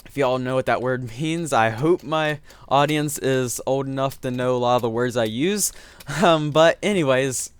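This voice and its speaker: Sick and sounding strained, a man narrates a let's-play, rambling and correcting himself along the way. His voice is medium-pitched and clean, delivered at a normal speed.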